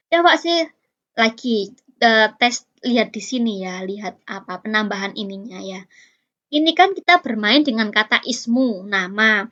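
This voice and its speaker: Woman teacher, native Indonesian speaker; slow, patient, stretched example words; slightly dull lo-fi recording. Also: on the high side, pushed and bright. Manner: explains slowly, stretches example words, rising quiz-like questions. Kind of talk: casual teaching lesson.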